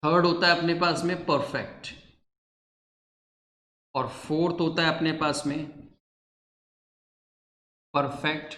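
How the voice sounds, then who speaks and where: A man's voice: on the high side, steady tone, slow, long pauses, pushed and bright, echoey room. A man teaching a coaching class, telling a joke and explaining grammar in a chatty style, often checking in with "okay". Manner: chatty, storytelling, says "ठीक है" often.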